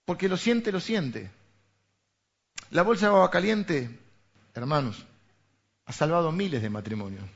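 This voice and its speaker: Male pastor, Rioplatense accent, conversational sermon with rhetorical questions, pitch on the higher side. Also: expressive, a little slow, creaky, long pauses. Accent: Rioplatense Spanish. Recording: dull lo-fi recording.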